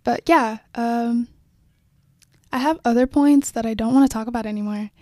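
Rambling reflectively and leaning on frequent fillers, a late-teen woman hosts a laid-back solo podcast recorded on phone and microphone. She speaks at normal speed in a slightly high voice with a dark tone, and the studio sound is clean with no echo.

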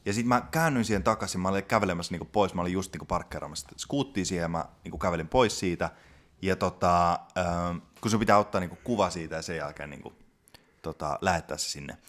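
A man's voice: low voice, fairly bright tone. A young man, chatting casually and telling a story with lots of fillers and restarts. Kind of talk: casual chat.

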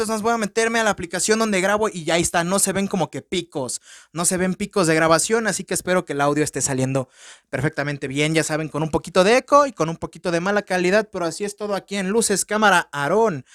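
A man's voice: high-pitched, lively intonation, fairly quick, fairly bright tone, no echo. Man, Mexican Spanish accent, podcast host, casual film review, crude profane jokes, dry close sound. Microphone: podcast microphone.

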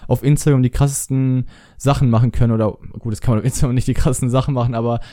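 A young man in casual chat, hesitant with frequent pauses and restarts. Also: mid-range voice, flat delivery, warm tone, dry recording, clean studio sound.

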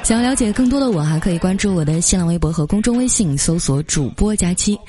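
A woman's voice: fairly low pitch, fast, breathy edge. Chatty woman host telling funny stories. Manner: chatty storytelling with lively quoted voices. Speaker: podcast host. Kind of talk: reading funny anecdotes.

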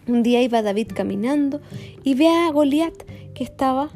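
A woman telling a children's story in an animated way, jumping into character voices. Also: high-pitched, moderate pace, faint music behind.

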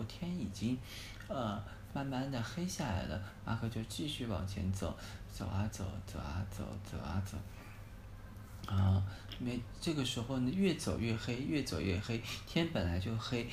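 A dad narrating a bedtime story on a phone recording, unhurried and asking the child questions along the way. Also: male voice, lowish voice, a little mellow. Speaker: storytelling dad, podcast host. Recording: echoey phone recording, faint hiss.

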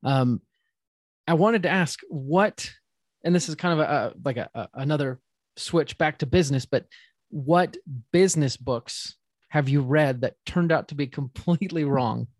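A man hosting a podcast, asking thoughtful, halting questions in casual talk. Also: a little high, a little mellow, dry recording. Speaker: podcast host. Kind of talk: casual interview.

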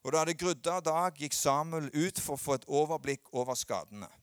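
Emphatic pastor preaching. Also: male voice, smooth, dry recording, studio quality. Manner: swings between loud emphatic peaks and low quiet asides. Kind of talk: sermon.

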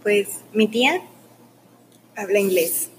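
A young woman, answering interview questions in a soft, filler-heavy casual way. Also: mid-range voice, slow, slight background noise, rough recording. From Mexico. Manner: soft-spoken, uses many fillers like "o sea" and "como que".

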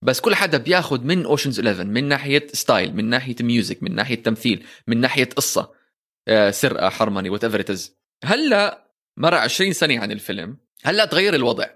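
Fast-talking Levantine man mixing Arabic and English. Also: mid-range voice, lively intonation, fairly bright tone. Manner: mixes English phrases into Arabic. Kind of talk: casual film discussion.

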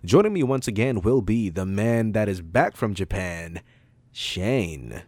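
A man's voice: fairly low pitch, very animated, unhurried, darkish tone, no room sound. A young Canadian man hosting a casual podcast, chatting in a joking, crude way and swearing freely. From Toronto, Canada. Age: young adult. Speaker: podcast host.

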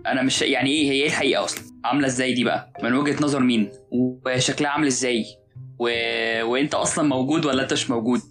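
A man's voice: medium pitch, steady tone, racing. A man with an Egyptian accent in casual chat, musing philosophically and often restarting his sentences, with music playing underneath.

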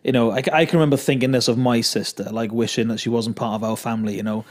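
A man's voice: mid-range voice, fairly even intonation, fast, darkish tone. A man in a casual faith conversation, ending many points with tag questions. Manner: affirming, chatty, ends points with tag questions. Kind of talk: casual Bible discussion.

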